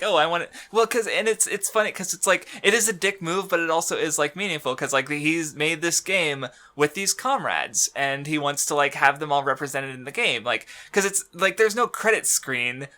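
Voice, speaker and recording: A man's voice: fairly high pitch, sharp tone. A man co-hosting a podcast in casual chat, rambling through fillers and restarts and laughing often. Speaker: podcast co-host.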